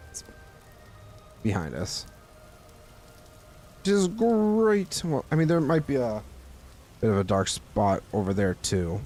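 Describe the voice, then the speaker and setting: A man talks through his game in a loose, joking way, his pitch swinging up and down. Faint music plays under his voice, with rain sounds behind. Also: darkish tone. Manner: chatty, joking, wry. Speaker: gameplay host. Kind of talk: casual let's-play commentary.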